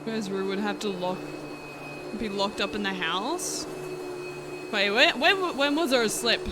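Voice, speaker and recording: A woman with a mid-range voice streams a roleplay game from home, speaking unhurriedly. She chats casually and giggles a lot, easily amused, while a vacuum runs in the noisy background.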